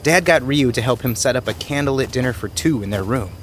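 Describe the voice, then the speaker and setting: Brief: a man playing a flustered, doting son, lively pitch. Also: a little fast, slight background noise, close to an everyday voice. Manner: eager, slightly flustered. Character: eager affectionate grown son. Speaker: son and husband.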